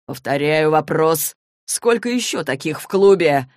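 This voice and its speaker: A woman's voice: sits low, expressive, measured pace, dry recording, studio quality. A woman reading as cocky young male demon hunter. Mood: cold. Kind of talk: audiobook reading.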